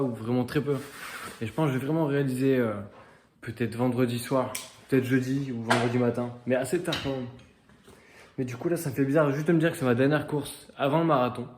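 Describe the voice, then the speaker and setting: Guy doing a chatty video diary, thinking out loud, roomy echo. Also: medium pitch. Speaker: vlogger. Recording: roomy, echoing vlog audio.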